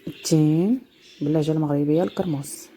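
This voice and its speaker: Slow, low-voiced woman teaching vocabulary. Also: warm tone. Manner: slow, repeating each word several times. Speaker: dialect teacher. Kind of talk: slow vocabulary lesson with repetition.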